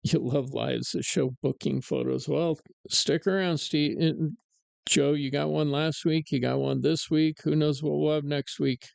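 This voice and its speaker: A man's voice: on the high side, steady tone, a little slow, creaky, darkish tone, no room sound. A man hosting a live-streamed talk show, chatting casually and ranting sarcastically with plenty of fillers. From United States. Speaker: podcast host.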